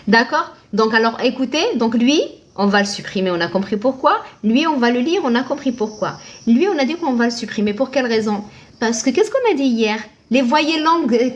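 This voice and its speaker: A woman's voice: fairly high pitch, expressive, normal speed. A woman teaching Arabic reading live online, patient, posing questions and answering them herself, thanking viewers by name.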